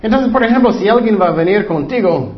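A man's voice: high-pitched, expressive, fairly quick. A man, a pastor, giving informal Bible teaching in an earnest, conversational way with frequent asides. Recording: dull lo-fi recording.

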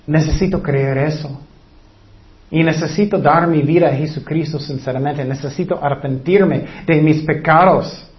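Male preacher with a high voice, earnest, lots of rhetorical questions, lo-fi sound. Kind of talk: sermon. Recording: dull lo-fi recording.

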